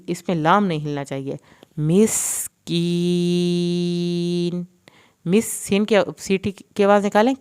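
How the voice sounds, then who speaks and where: Female recitation teacher with a low, very smooth voice. She recites slowly and explains quickly. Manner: slow drawn-out recitation alternating with brisk explanations. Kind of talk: tajweed lesson, reciting verses then explaining.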